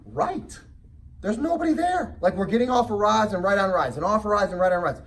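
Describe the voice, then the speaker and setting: A man presenting a real estate investing seminar, telling personal stories in an animated way and often checking in with rhetorical questions. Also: sits high, a little fast, far from the mic. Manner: animated storytelling with frequent rhetorical check-ins. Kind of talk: motivational sales seminar talk.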